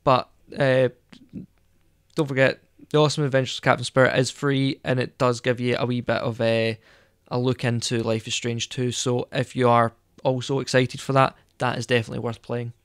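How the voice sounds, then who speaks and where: A man's voice: medium pitch, little pitch movement, moderate pace, clear, resonant tone, no room sound. Man, podcast co-host, casual chat, rambling, filler-heavy, dry close sound. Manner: rambling, hesitant, many fillers.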